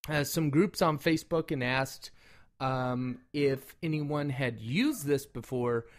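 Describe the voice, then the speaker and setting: A man's voice: medium pitch, slow pace. A man giving a casual product review in a rambling, informal way, often correcting himself. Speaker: product reviewer and call maker.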